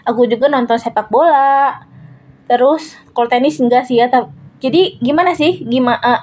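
A young woman hosting a casual solo podcast, chatting in a rambling way with many fillers and self-corrections. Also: on the high side. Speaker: podcast host.

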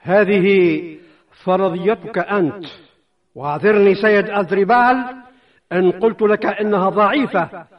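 A man voices a defensive, cutting council president in an old radio play. His voice is high for a man and argumentative. It sounds set back from the mic on a dull, lo-fi recording. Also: moderate pace, long pauses, distant mic, close to an everyday voice. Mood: sharp. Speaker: radio drama actor. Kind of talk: old-time radio drama acting.

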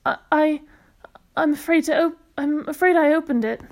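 A woman reading aloud, voicing an excitable, flustered mother in a children's storybook with a breathless, gushing manner. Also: high-pitched, moderate pace, pitched above the performer's own voice.

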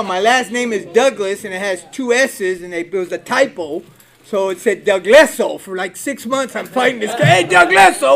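An older man tells his recovery story in a blunt, profane way, swearing freely and laughing at his own past. His voice sits a little high for a man. He talks like a plain-spoken man sharing hard-won lessons. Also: a bit bright. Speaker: recovery speaker. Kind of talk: candid personal testimony.

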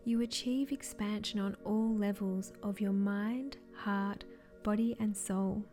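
A woman with a fairly high, mellow voice delivers scripted wellness guidance. Her delivery is soft, soothing and measured, like a guided relaxation, with faint music underneath. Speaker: wellness coach.

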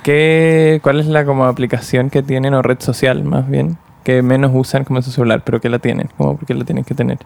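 A young man co-hosting a podcast, talking in a halting, easygoing way that hedges with lots of fillers. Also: medium pitch, flat delivery, vocal fry, a little mellow. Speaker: podcast co-host. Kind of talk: casual chat.

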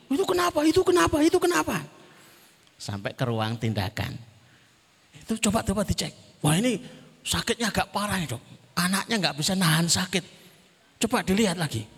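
Lively preacher in a reverberant hall. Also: male voice, a little high. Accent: Javanese. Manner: lively storytelling with acted quotes, mixing in Javanese. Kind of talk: humorous sermon.

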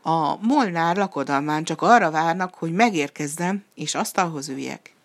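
A woman voicing a proud, scornful storybook horse who is in a rush. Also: low-pitched. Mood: hasty. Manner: scornful, hasty.

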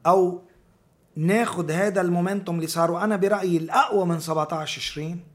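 A man's voice: high voice, steady tone, fast talker. A man with a Lebanese accent in an informal political discussion, talking emphatically with repeated phrases and rhetorical questions.

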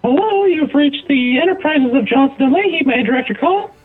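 A man putting on a prim, mock-formal female office receptionist in a high falsetto. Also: animated, brisk, phone-quality sound, faint music behind.

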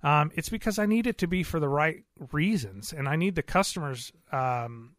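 A man talks shop about car repairs in a bright, forward voice that sits a little high for a man. He is earnest and plain-spoken and rambles on with fillers and restarts. The room is dry, with no echo. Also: expressive, moderate pace. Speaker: auto repair shop owner. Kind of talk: casual interview talk.

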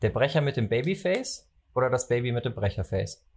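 Opinionated young German man, husky. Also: mid-range voice, a little fast. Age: young adult. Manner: opinionated, lively, animated when making a point. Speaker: podcast host. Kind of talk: casual football chat.

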